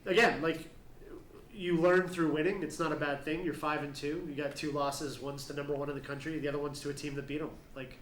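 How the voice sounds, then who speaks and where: A man's voice: on the high side, steady tone, brisk, a bit bright, slight background noise. A man, a volleyball coach, talking spontaneously in an interview. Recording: echoey room, distant mic.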